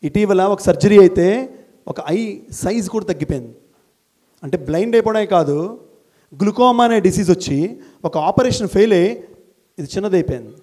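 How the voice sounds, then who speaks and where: A middle-aged man from India, a school principal, giving an animated motivational talk to college students, firing rhetorical questions and repeating key phrases for emphasis. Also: high-pitched, moderate pace, pauses often. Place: college gathering, addressing students.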